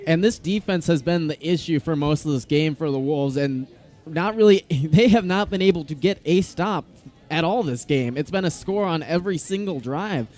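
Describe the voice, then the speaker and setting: A man's voice: fairly high pitch, moderate pace, a little mellow. A man giving conversational football analysis as a color commentator during a live game.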